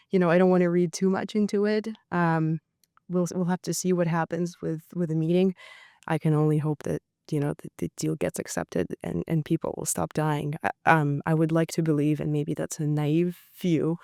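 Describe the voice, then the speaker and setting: A journalist guest in her thirties, a woman from Russia, weighs her answers with hesitations and fillers. Her voice is gravelly and level, with a smooth clarity, recorded dry and close. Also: sits low, a little mellow, dry recording. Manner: thoughtful, hesitant with many fillers. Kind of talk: interview answers.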